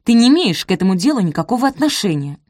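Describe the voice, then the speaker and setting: A woman voicing a shrill, spiteful middle-aged countess who shrieks and hisses her accusations. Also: big pitch swings, rapid-fire, darkish tone, no echo, clean studio sound. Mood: angry. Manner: shrieking, hissing.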